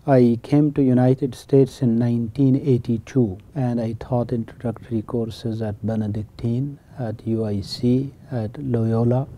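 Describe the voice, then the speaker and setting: Speaking unhurriedly with few pauses, a middle-aged man from Pakistan talks in an interview as a college teacher and chaplain. He's earnest and explanatory, repeats key phrases, and has a steady mid-range voice and a Pakistani accent. The sound is lo-fi with slight background noise.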